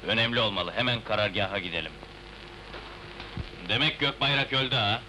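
An actor playing a grave, commanding leader in an old Turkish historical film. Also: male voice, fairly low pitch, a little fast, bright, forceful tone. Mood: grave, resolute. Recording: noisy old film soundtrack.

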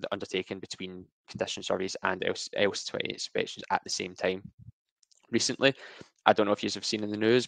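A young Scottish man in his twenties, a graduate civil engineer presenting his work to students over a video call with steady explanations. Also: deep voice, creaky, no echo. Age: 20s.

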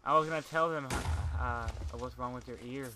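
A man's voice: mid-range voice, moderate pace, very noisy. A man chatting casually and teasing his friends while playing a block-building game, swearing freely. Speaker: let's play gamer. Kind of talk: casual gaming chat.

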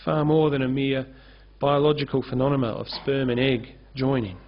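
Speaking at a normal speed in a mid-range voice with fairly even intonation, a pastor preaches earnestly from a lectern on a church stage with a curtain backdrop, gesturing as he goes. The lectern mic's dull, lo-fi recording carries a little hiss or hum.

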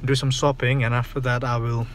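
A man rambles through a casual vlog to his phone, held at arm's length, with many fillers and restarts, speaking a little fast with a flat delivery and medium pitch. The recording, made outdoors on city streets and partly in a car, clearly carries street and car noise.

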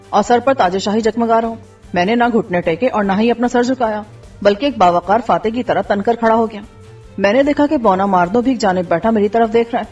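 A woman narrates a story in a steady, husky voice pitched a bit high. The sound is dull and slightly far from the mic, with faint music running under it. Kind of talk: scripted audiobook narration.

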